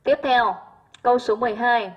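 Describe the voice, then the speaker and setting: A woman's voice: a little high, fairly even intonation, normal speed, breathy edge, low-quality recording. A Vietnamese-speaking woman teaching English, working through exam answers one by one in a patient voice and often asking whether students follow. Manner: patient, checks understanding with frequent "right?".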